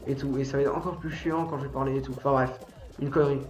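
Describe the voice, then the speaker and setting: This teen boy, sick with a cold and stuffy-nosed, talks fast in a steady mid-range voice during casual gaming stream chat. He rambles, swears a lot and shouts in anger at the game, over dull lo-fi audio with roomy echo and faint music.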